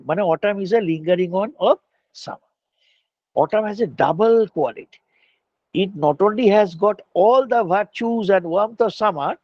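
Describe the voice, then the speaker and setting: Older male professor, Bengali accent, lively lecturing delivery with high, swooping pitch; dry, muffled recording. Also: dry recording. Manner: animated, mixes Bengali and English, acts out voices. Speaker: college English professor. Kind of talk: classroom lecture.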